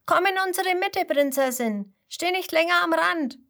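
A woman voicing the cheerful sheep of a flock in a children's story, calling out in a high voice. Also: normal speed, gravelly, full character voice. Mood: exclaiming. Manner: bright, exclaiming.

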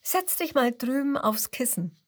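A woman voicing a gentle, playful mother in a children's storybook reading. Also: sits high, sing-song, unhurried, voice pushed up, full character voice.

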